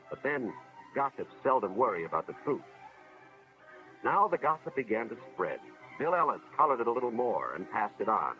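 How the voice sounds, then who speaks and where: An actor as an earnest 1950s educational film narrator, American man, expressive. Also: medium pitch, lightly acted. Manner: earnest, dramatic, moralizing storytelling. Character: earnest school official narrating a cautionary tale. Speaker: narrator, a school official telling a story. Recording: dull vintage film soundtrack, music behind.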